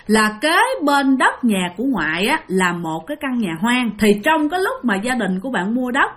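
A woman's voice: fairly high pitch, fairly bright tone. A woman with a Southern Vietnamese accent narrating a ghost story in a chatty way, often speaking directly to her listeners. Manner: chatty, addresses listeners, heavy filler particles.

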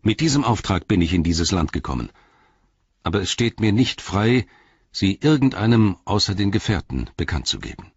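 A man's voice: on the low side, sing-song, moderate pace, husky, no room sound, dull audio, exaggerated voice. A man reading an audiobook who voices an earnest, proud young male hobbit, defensive under questioning.

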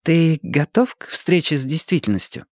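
Man voicing a calm woman instructor. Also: a little high, normal speed, no echo, studio quality, voice pushed up.

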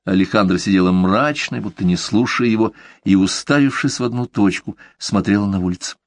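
A man narrating a literary novel in a measured, expressive reading. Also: lowish voice, no room sound. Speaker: audiobook narrator.

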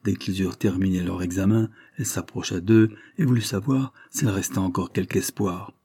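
A man reading a classic novel aloud in a measured, literary narration. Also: deep voice, fairly even intonation, warm tone, breathy edge, dry recording. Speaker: audiobook reader.

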